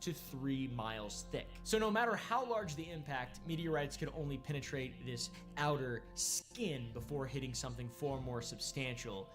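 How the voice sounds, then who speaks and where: A man's voice: mid-range voice, moderate pace, few pauses. A man hosting a comedic conspiracy commentary, rambling with jokey asides and mock-dramatic emphasis. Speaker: host. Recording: clear background music under voice.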